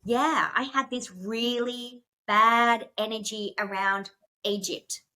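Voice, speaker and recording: A woman's voice: a little high, fairly even intonation, slow pace, bright, forceful tone. A woman who is a podcast guest, telling a personal story in a rush, with many fillers and restarts, and emotional at moments.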